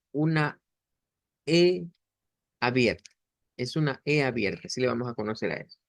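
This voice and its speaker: A man's voice: medium pitch, no echo. Guy teaching a class online, patient, lots of ehs and restarts, dry close mic. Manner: patient, explains step by step with many fillers and restarts. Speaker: language teacher. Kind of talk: online language lesson.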